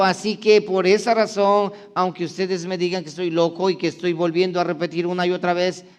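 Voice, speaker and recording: A man delivering a sermon as pastor, his voice sitting high. He speaks straight to his congregation and comes back to the same point again and again. He keeps asking rhetorical questions. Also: smooth. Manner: insistent, repetitive preaching with rhetorical questions; addresses the congregation directly.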